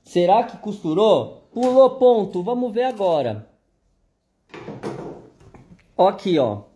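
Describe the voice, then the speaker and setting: A man's voice: sits high, big pitch swings, slow, dark tone, slight background noise. A man with a Brazilian Portuguese accent giving a chatty live sewing machine demonstration, constantly pointing things out to viewers.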